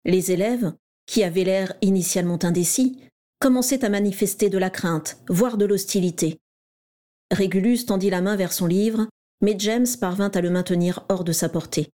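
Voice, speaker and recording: A woman reading a story aloud in a steady, even storytelling manner. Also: medium pitch. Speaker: narrator. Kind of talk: scripted story narration.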